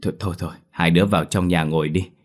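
A man's voice: sits low, fairly even intonation, very fast. A man voicing a stern old grandmother. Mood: calm. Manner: scolding, firm.

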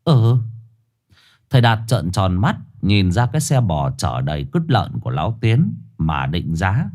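A man narrating a ghost story in a lively, colloquial storytelling manner. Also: sits low, normal speed.

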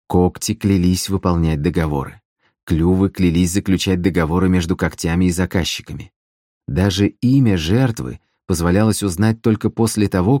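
A man narrating a fantasy audiobook in a measured, even storytelling manner. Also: low voice, no echo, studio quality.

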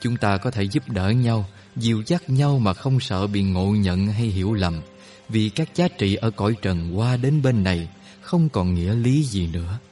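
Man playing a serene old healer, low and mellow, unhurried, gentle teaching tone, audiobook. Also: soft background music, close to an everyday voice. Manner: slow, gentle, instructive. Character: calm, wise older male healer.

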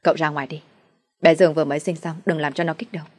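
A woman's voice: low voice, fairly even intonation, quick pace, a little mellow. A woman voicing a worried older father at his daughter's hospital bed.

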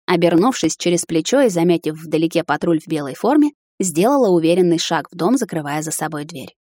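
A woman giving measured first-person storybook narration. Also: fairly low pitch, expressive, a little mellow, no echo, studio quality.

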